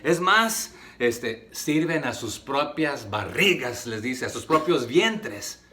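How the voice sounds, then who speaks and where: Un hombre que predica un sermón en español latinoamericano y le hace preguntas a la congregación. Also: male voice, medium pitch, very animated, slow pace, noisy background. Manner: rhetorical questions to the congregation, many fillers. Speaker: preacher. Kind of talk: sermon.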